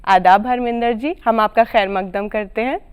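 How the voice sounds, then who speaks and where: A woman's voice: on the high side, fairly even intonation, normal speed, clean tone. A woman hosting a TV programme, introducing and interviewing a guest courteously with frequent affirming interjections. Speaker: TV show host.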